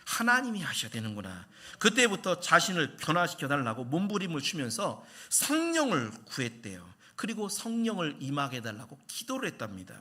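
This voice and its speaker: A man's voice: fairly high pitch, wildly swooping pitch, a little fast, hardly any pauses, pushed and bright. A man preaching a Sunday sermon as senior pastor, telling stories and asking the congregation questions.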